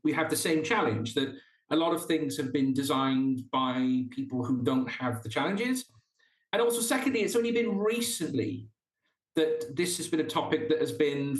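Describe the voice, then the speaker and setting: A South Wales man with a Welsh accent and a fairly high voice appears as a podcast guest in a casual interview chat. He speaks earnestly, often stumbling and restarting his sentences. The room is echoey and the audio quality is poor.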